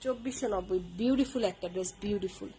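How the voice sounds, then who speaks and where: A woman's voice: medium pitch, fast talker, warm tone, a little hiss or hum, low-quality recording. A woman hosting a live clothing sale stream, using repetitive, persuasive sales patter.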